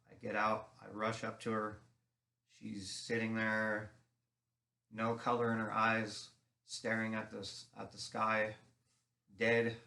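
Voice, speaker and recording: A man with a slightly low voice tells his own story conversationally. His delivery is earnest and a little halting, in the manner of personal testimony. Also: bright, forceful tone. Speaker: guest sharing recovery testimony.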